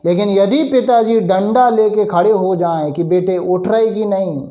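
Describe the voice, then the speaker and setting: A man teaching a spoken English lesson for Hindi-medium learners, explaining patiently, asking the class questions and answering them himself, and reading English phrases out slowly and deliberately. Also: sits high, mellow, reverberant.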